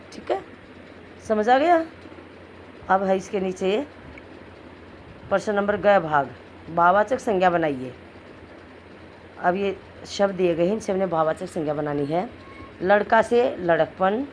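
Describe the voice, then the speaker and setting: A woman teacher talks children through a lesson at a slow, explaining pace, stretching out syllables. Her voice sits at an ordinary middle pitch. The audio comes from a phone recording with a faint hiss behind it.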